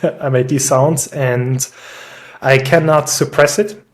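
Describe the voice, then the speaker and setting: In a casual conversational interview over video call, a young Swiss podcast guest talks chattily, often laughing and downplaying himself. He has a mid-range voice, fairly even intonation and a slow pace.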